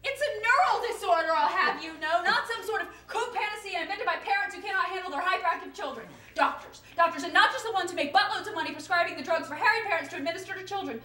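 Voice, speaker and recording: An actress on a stage playing a scattered, defensive young woman with attention deficit disorder who rambles quickly. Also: extremely high pitch, bright, forceful tone. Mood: indignant. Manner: rapid, rambling, quick to take offense. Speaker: stage actor. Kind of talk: live stage comedy acting. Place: theater stage. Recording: roomy stage sound.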